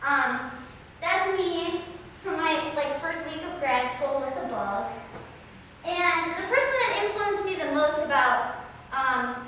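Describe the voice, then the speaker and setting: Bright, high-voiced woman in an echoey hall. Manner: casual, conversational. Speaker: biologist giving an outreach talk. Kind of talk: informal slide lecture. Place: large echoey room, speaking through a mask. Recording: very echoey hall, distant mic, faint noise.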